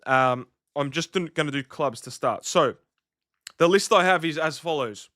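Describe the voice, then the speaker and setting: A man's voice: on the high side, measured pace, fairly bright tone, dry recording, clean studio sound. A man casually chatting on a live stream while commentating a football match and reading out his list of vintage jersey clubs. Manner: chatty, loose, reacting to chat and soundboard clips.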